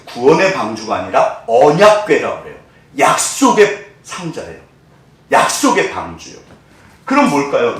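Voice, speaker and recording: A male pastor delivers a sermon with a lively voice that swings high and low, asking his listeners question after question and acting out the lines he quotes. He is picked up from a distance, and his voice rings through a very echoey church hall. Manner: animated, asks the congregation questions, acts out quoted lines. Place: church sanctuary.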